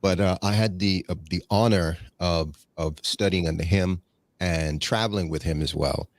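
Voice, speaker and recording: This interview guest is a man from the Bahamas whose low voice moves at a normal speed. Reflective and rambling, he fills the casual conversational chat with fillers and restarts, and he has a preacher's habit of citing scripture.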